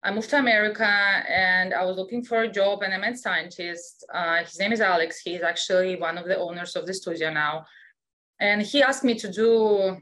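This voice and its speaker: Here a Russian-accented woman, a scientific illustrator, talks as a guest on an interview program in a loose, chatty style with frequent fillers, false starts and non-native grammar. Her voice sits at medium pitch, sounding pushed and bright, and moves at an ordinary speed.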